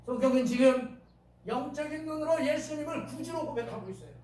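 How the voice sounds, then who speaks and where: A male pastor with a Chungcheong accent preaching a sermon in a church, acting out shouted lines and questioning the congregation. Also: extremely high pitch, expressive, brisk. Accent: Chungcheong Korean. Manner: dramatic, acts out shouted quotes, asks the congregation questions. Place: church sanctuary. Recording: very echoey church from a distant mic.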